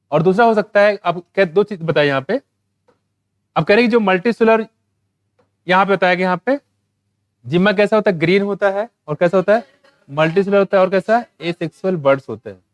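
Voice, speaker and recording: Teaching a biology exam-prep lecture, this man poses questions and answers them himself, slowly reading lines from an English textbook. His voice sits high, and there is no echo.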